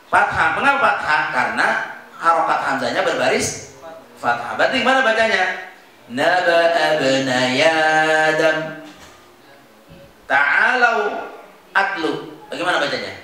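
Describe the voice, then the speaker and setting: A man from Indonesia teaching Quran recitation, asking questions and chanting examples slowly. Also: a little high, sing-song, bright, forceful tone. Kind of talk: recitation lesson with call-and-response. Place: Islamic boarding school hall. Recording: very echoey room, faint noise.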